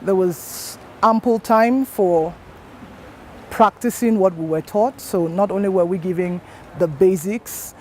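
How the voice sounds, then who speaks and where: A woman from Nigeria speaks about her research and training in a warm, mellow voice. Her delivery is measured and articulate. Faint ambient noise runs behind her. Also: mid-range voice. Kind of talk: interview testimonial.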